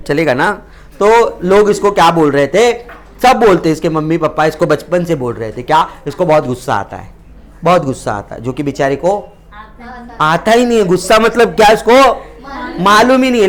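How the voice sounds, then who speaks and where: Brief: male tutor with a high voice, lecturing a class, playful and moralizing. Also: normal speed. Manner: animated, joking, preachy. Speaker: tuition teacher. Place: classroom with students.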